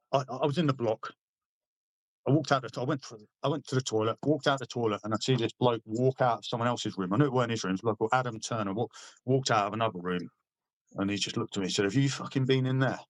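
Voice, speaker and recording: A man's voice: medium pitch, dry recording. A middle-aged man, a veteran guest, telling laddish anecdotes casually and swearing freely. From Britain. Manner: laddish, swears freely, acts out quoted lines. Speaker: podcast guest, army veteran.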